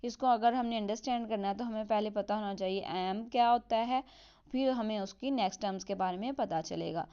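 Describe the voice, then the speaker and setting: A woman explaining a literature lesson, mixing English terms into her Hindi and reading example lines slowly. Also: mid-range voice, warm tone, clean tone, dull audio. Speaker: teacher.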